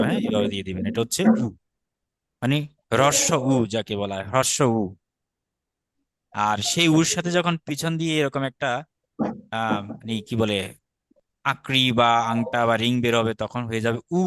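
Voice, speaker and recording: A man's voice: medium pitch, fairly bright tone, no echo. A man teaching Sanskrit letters, patiently repeating and demonstrating each stroke. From Bangladesh. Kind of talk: step-by-step script lesson.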